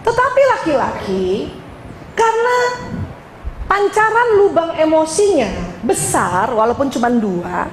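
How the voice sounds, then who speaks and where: A woman giving a lively, teasing lecture to a group of women, often calling out to her listeners. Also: extremely high pitch, a little hiss or hum. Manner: animated, teasing, addresses audience as "Bu". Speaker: speaker giving a parenting talk. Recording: echoey hall with faint background ambience.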